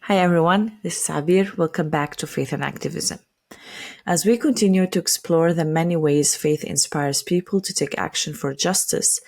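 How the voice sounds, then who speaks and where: A woman hosting a faith podcast, reading a measured introduction and asking questions with some hesitation. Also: low-pitched, creaky, darkish tone. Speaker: podcast host. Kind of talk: introduction and interview.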